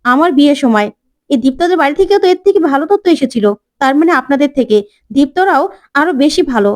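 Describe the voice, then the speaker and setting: A woman voicing a sharp-tongued, proud young woman who talks in a scornful, taunting way. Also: sits high, lively intonation, quick pace.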